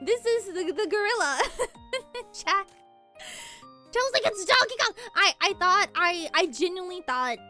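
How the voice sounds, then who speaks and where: A young woman streaming as a VTuber gushes over chat with frequent giggles and repeated words in a relaxed stream. With faint music in the background, her extremely high, very animated voice sounds bright and forceful at a measured pace.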